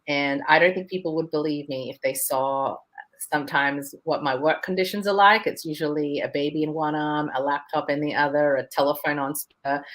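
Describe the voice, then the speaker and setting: A woman's voice: sits low, a bit bright. A woman in her forties from El Salvador, raised in Australia, speaking as an interview guest, chatty with frequent ums. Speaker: guest author. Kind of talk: casual interview answers.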